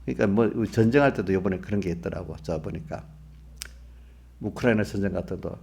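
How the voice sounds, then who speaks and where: A man's voice: low voice, a little fast, creaky, a little mellow, slight background noise. A male pastor giving an early-morning sermon to his congregation. He talks in a conversational way, often asks his listeners questions, and acts out the inner voices of believers. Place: church.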